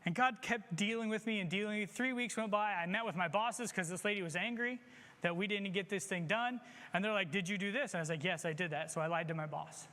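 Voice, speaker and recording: Earnest high-voiced man preaching in a hall. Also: fast, pushed and bright. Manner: earnest, confessional, exhorting. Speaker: church member giving testimony. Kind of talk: sermon testimony.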